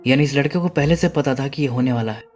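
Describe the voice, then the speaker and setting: A man's voice: medium pitch, fast talker, soft background music. A man narrating a horror movie recap, steadily retelling the plot and paraphrasing the characters' lines. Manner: steady storytelling, paraphrasing dialogue. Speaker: movie explainer.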